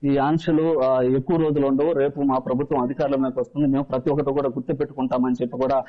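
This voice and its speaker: Male field reporter, rapid but halting live delivery, muffled lo-fi broadcast feed. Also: medium pitch, flat delivery. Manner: halting, repetitive delivery with false starts. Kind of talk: live on-the-spot news report.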